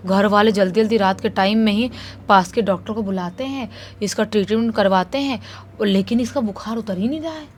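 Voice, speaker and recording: A woman casually retelling a true horror story in an animated, conversational way. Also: medium pitch, fairly quick, hardly any pauses, a little hiss or hum.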